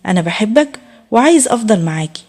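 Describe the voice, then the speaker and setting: A woman's voice: fairly high pitch, very animated, fast. Woman voicing a shy, earnest young Egyptian man. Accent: Egyptian Arabic. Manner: soft, earnest and pleading.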